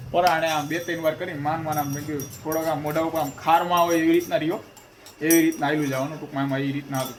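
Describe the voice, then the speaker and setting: A man's voice: on the high side, slight background noise. A man, chatting to camera in a casual family vlog, teasing his family. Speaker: vlogger.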